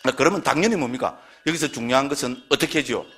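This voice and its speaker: A man's voice: medium pitch, racing, a bit bright, breathy edge, faint music behind. A man lecturing on Buddhist scripture, emphatic and constantly checking in with his listeners through short tag questions.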